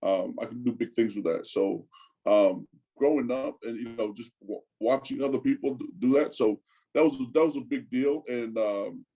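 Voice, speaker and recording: A man in his forties from Tonga chats casually as an interview guest in a medium-pitched, dark-toned voice. The recording is rough. He's halting, often stopping to repeat words, and keeps tacking "man" onto his sentences.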